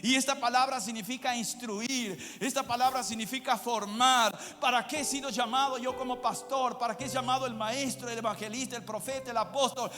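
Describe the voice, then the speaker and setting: A male pastor preaching a sermon, moving from quiet asides to shouted climaxes. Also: very high voice, steady tone, fairly quick, hardly any pauses. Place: church. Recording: long church reverb with music behind.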